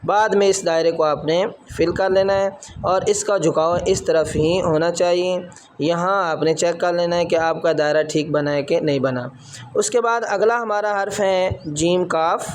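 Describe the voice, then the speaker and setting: A man's voice: high voice, steady tone, a little hiss or hum. A man teaching a calligraphy lesson, patiently explaining each stroke as he writes. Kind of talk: step-by-step writing lesson.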